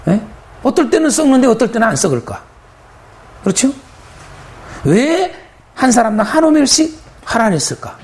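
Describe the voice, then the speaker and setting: A man's voice: extremely high pitch, big pitch swings, moderate pace, long pauses, a little mellow, a little hiss or hum. A male pastor preaching a sermon, emphatic and repetitive, asking his listeners rhetorical questions.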